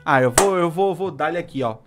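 Excitable Brazilian streamer, lively pitch. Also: male voice, normal speed, music in the background. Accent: Brazilian Portuguese. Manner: excitable, pleading and groaning at results. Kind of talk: live gacha-pull commentary.

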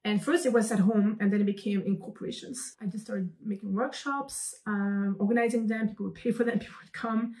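A woman's voice: mid-range voice, a little fast, hardly any pauses. Chatty young woman from Belgium. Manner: animated and talkative, with many fillers and restarts. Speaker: guest, founder. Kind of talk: video call interview. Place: room at home.

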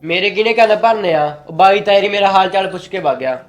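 A young man playing a mild younger brother in a family short film, soft-spoken and trying to calm things down. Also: high voice, fast, muffled recording, lightly acted. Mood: placating.

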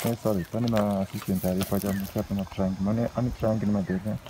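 A young man with a Zimbabwean accent talks quickly in casual conversation. His voice sits a little low, and the outdoor recording carries clear background noise. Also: steady tone. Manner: quick, talking in Shona. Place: outdoors on rural school grounds.

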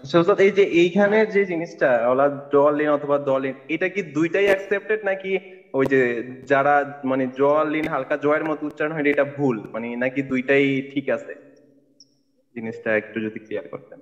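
A man's voice: fairly high pitch, fairly quick. Polite male student asking a question. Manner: polite, hesitant. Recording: dull distant audio with long reverb.

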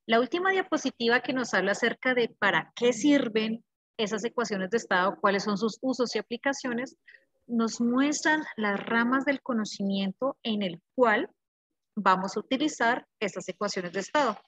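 A woman's voice: fairly high pitch, animated, normal speed, a bit bright, no echo. A woman teacher, giving a class lecture. She explains patiently, repeats the key words and checks in with her students.

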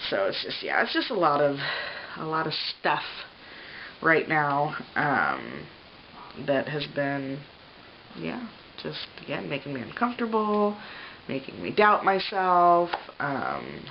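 Her deep voice swoops wildly in pitch, and she talks slowly with long pauses, a woman in her thirties vlogging about pregnancy from her bedroom. Stuffy, scratchy and short of breath, she rambles to camera with many fillers. A tripod camera at medium distance records slightly dull home video with faint hiss.

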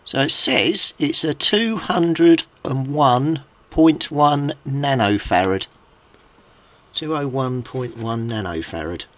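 Slow but lively in intonation, a mid-range male voice belongs to a British hobbyist fixing things at his indoor home workbench. He works with his hands and thinks aloud, offering an informal, explanatory repair update in a casual vlog while handling equipment.

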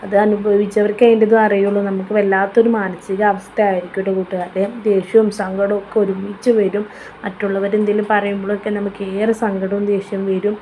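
Chatty mother, even flat tone. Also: mid-range voice, quick pace, a little hiss or hum. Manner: chatty, keeps adding a tag word, warm motherly advice. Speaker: vlogger. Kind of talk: casual vlog chat.

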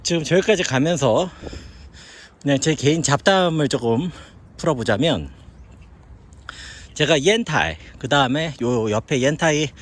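A man's voice: fairly high pitch, lively intonation, unhurried, long pauses. A middle-aged Korean man chatting casually as he walks up a hillside park, musing aloud about the places he sees. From South Korea. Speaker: vlogger living in China. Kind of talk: casual walking commentary.

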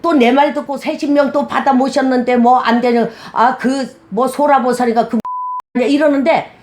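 A middle-aged woman with a slightly high voice speaks as a shaman in a casual interview. She talks bluntly and with animation, slipping into other people's voices as she retells conversations. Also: moderate pace. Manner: blunt, animated storytelling with quoted dialogue.

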